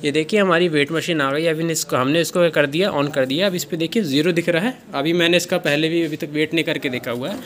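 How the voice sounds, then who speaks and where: In a small room indoors, a seller shows off a product on camera in casual, filler-packed talk, repeatedly posing "kya" questions to himself and fixing his own slips. His voice is a little high and somewhat bright, and he speaks fairly fast with barely any pauses.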